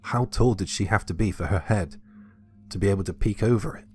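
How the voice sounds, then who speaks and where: Deep-voiced man narrating horror. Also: brisk, mellow, faint music behind. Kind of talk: scripted first-person narration.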